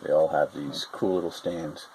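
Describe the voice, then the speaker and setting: This toy review comes from a man whose voice is very low; he talks at a normal pace, loosely and hesitantly, with frequent filler pauses. The recording is low quality, with a faint steady hiss in the room.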